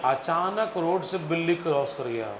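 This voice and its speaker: A man teaching physics in a lively classroom lecture, calling on students to answer aloud and acting out stories. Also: fairly high pitch, normal speed. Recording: echoey classroom with faint noise.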